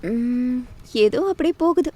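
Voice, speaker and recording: A woman's voice: high voice, measured pace, dark tone. An actress playing a young woman who chats lightly and dodges questions, in a drama with music underneath. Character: young woman Renu, sneaking out. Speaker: lead actress. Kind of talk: web series acting.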